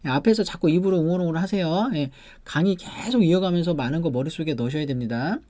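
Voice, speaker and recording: A man giving an online English grammar lecture, explaining step by step and reading example sentences slowly before translating them. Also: on the high side, dark tone, no room sound. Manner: explains step by step, often restarting with "자" and "그러니까".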